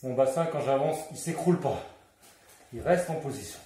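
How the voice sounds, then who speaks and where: A man's voice: medium pitch, expressive, moderate pace, warm tone. A man teaching a home workout, coaching and encouraging, slightly out of breath as he exercises along. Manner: encouraging, counts down and coaches moves while exercising. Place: room at home. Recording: very echoey room, mic far off.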